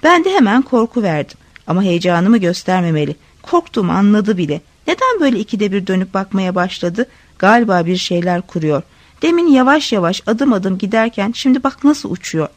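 Expressive woman reading a story. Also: mid-range voice, brisk, no echo. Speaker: narrator.

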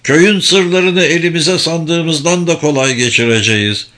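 A man's voice: a little high, unhurried, sharp tone, pitched above the performer's own voice. A man voicing a brutal, greedy army commander who talks in a brusque, gloating way.

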